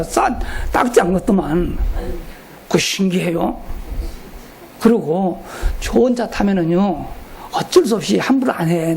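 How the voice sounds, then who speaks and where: A man's voice: sits high, gravelly, darkish tone. A middle-aged male pastor giving a folksy, joking retreat sermon and asking the congregation questions.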